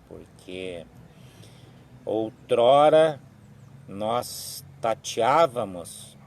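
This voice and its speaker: A man, giving a slow, halting religious reflection on a live stream, with frequent restarts and tag questions. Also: mid-range voice, creaky, darkish tone, slight background noise. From southern Brazil. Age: 60s. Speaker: evangelical live-stream speaker.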